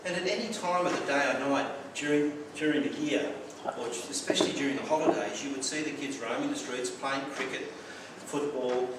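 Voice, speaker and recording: An Australian club speaker gives a prepared personal speech, telling stories with wry humour and a few stumbling repeats. His medium-pitched voice moves fairly quickly with few pauses. The mic is distant in a very echoey room, with clear background noise.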